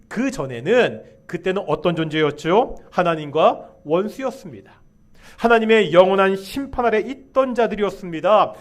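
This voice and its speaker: Korean pastor preaching, high-voiced man. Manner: leads the congregation in call-and-response. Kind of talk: sermon. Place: church sanctuary.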